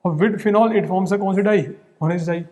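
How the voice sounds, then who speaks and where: Brisk high-voiced man teaching. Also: steady tone, dark tone, big-room sound. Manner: rapid, drilling, repeats "ठीक" and "बहुत simple". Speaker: chemistry teacher. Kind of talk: exam-prep lecture.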